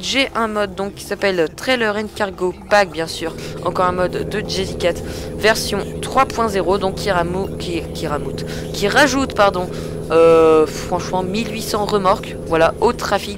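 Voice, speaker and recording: Gamer talking thru a truck sim on a headset, mid pitch, lots of ums, grumbly at bad drivers, faint music behind. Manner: chatty, hesitant, lots of filler sounds. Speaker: truck-simulator gameplay commentator. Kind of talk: casual gameplay commentary.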